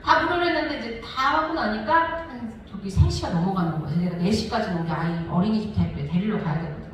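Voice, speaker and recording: A woman in her forties, a missionary telling her testimony as a sermon, lively and laughing often as she tells the story. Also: mid-range voice, quick pace, far from the mic, a little hiss or hum. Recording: echoey hall, voice from afar.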